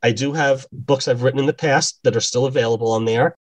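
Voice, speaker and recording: Husky-voiced male author. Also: mid-range voice, quick pace, rough recording. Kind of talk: reading his novel excerpt and interview answers.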